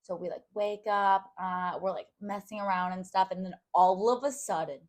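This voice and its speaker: A woman's voice: medium pitch, steady tone, moderate pace. A young woman co-hosting a podcast, telling a story in rambling casual chat with lots of fillers. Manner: rambling, filler-heavy, with frequent "like". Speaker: podcast co-host.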